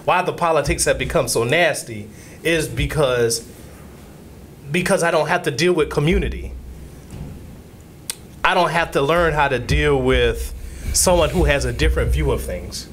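A man's voice: a little high, normal speed, long pauses, a little hiss or hum. A man co-hosting a casual podcast chat, rambling and often restarting his sentences. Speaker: co-host.

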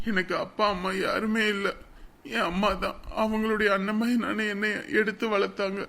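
A man's voice: high voice, creaky, a bit bright. A man playing an earnest young man explaining himself. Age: young adult. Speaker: young man turning down marriage. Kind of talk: Tamil web drama acting.

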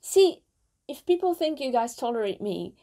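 A young woman doing casual reaction commentary for her channel, playful and self-mocking, with quick asides. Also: fairly high pitch, expressive, darkish tone. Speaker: musical reaction vlogger.

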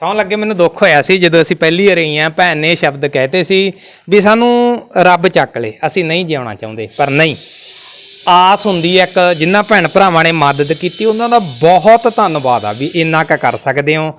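A man's voice: on the high side, fairly quick, a bit bright. A man who hosts and reports on location, talking earnestly to camera and to a family he visits. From Punjab. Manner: consoling, earnest, talks to camera. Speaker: reporter host.

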